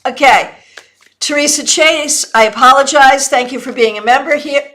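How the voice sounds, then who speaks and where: Woman, high voice, hiccuping, chatty live-stream tarot host who keeps saying sorry. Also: sharp tone, a little hiss or hum. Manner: apologetic, chatty, quick answers to viewers. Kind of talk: casual live-stream readings.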